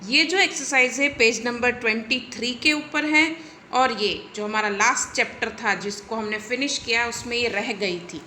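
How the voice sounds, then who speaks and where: A woman's voice: a little high, moderate pace, sharp tone, a little hiss or hum. A woman teacher giving a recorded grammar lesson, explaining step by step and checking in often. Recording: echoey room.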